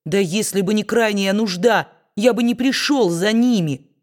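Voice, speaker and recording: A woman's voice: medium pitch, normal speed, lightly acted. A woman reading a storybook and voicing a good-natured young man who protests frankly. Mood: indignant.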